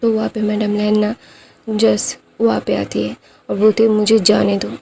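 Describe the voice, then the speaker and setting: A woman telling a story casually, rambling along with plenty of fillers. Her voice is gravelly with vocal fry and has a dark, mellow tone. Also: medium pitch, completely flat delivery, measured pace, slight background noise. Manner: rambling, conversational, many fillers.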